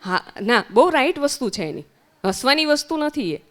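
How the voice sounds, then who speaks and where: Speaking at a normal speed with a high pitch and big swings in it, a woman with a Gujarati accent runs an interactive lesson for children at summer camp. She asks questions in the centre hall and repeats the kids' answers.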